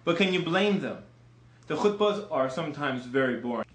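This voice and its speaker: Young male comic host, animated and bright-pitched, roomy echo. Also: moderate pace, a little hiss or hum. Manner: playful, lively delivery. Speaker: comedy sketch host. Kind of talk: comedic sketch with tips. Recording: echoey room.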